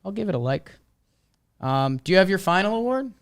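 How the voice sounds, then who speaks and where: A man's voice: sits high, very animated, fairly quick, smooth, dry recording, studio quality. A man co-hosting a podcast, chatting in a laid-back, wry way about baseball. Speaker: podcast co-host. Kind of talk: casual sports chat.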